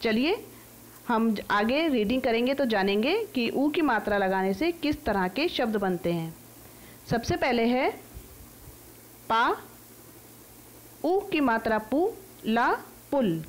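An Indian woman teacher leads an online class for small children, breaking every word into single syllables. Her delivery is very slow and careful, and her voice sits a little high. A faint hiss runs under the recording. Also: animated. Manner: slow, syllable-by-syllable phonics drilling.

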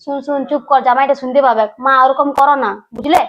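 A woman's voice: high voice, fairly even intonation, fast, natural voice. A woman with a Manbhum Bengali accent playing an outspoken elder daughter who firmly lectures her mother. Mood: scolding. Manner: firm, scolding, lecturing. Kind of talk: amateur village comedy drama. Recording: dull lo-fi sound.

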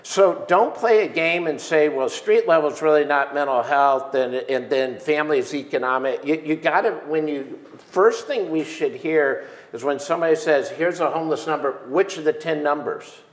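A man in his sixties, a conference panel guest, sits in an armchair on stage in a large room for a keynote conversation. On a lapel mic he speaks emphatically with many restarts, at normal speed with few pauses, in a slightly high voice. The sound is reverberant and the recording rough.

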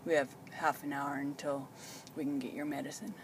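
A woman's voice: deep voice, level tone, a little fast. A woman chatting casually as a caregiver, explaining things simply and reassuringly. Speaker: caregiver filming a patient. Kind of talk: casual chat. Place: inside a parked car. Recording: clearly noisy in-car recording.

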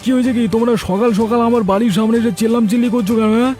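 A whiny cowardly village schemer for a cartoon, pitched way up and squeaky. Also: male voice, little pitch movement, rapid-fire, mellow, faint music behind. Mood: indignant. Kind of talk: Bengali cartoon voice acting.

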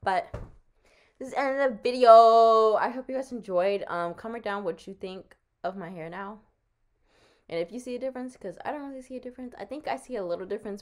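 A young woman chats to her viewers in a rambling, casual way, slightly out of breath. Her pitch moves up and down with a lot of life. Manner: chatty, rambling. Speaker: vlogger. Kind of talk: casual vlog chat.

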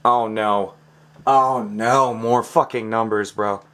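A man's voice: on the low side, fairly even intonation, slow pace, fairly bright tone. A man commentating his own gameplay, frustrated, swearing often and talking to himself as he works through puzzles. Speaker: gaming channel host. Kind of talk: let's play commentary.

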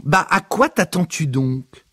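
A man's voice: fairly high pitch, lively intonation, takes it slowly, sharp tone, no echo, studio quality, pitched above the performer's own voice, exaggerated voice. A man doing a pompous, declamatory medievalist. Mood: haughty indignation. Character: pompous obese male medievalist, grandiloquent and petulant.

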